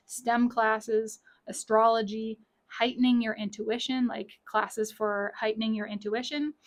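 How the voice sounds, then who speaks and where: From her small home office, a tarot reader gives a casual, chatty reading, repeating key lines. Her voice is raspy and scratchy and sits on the high side.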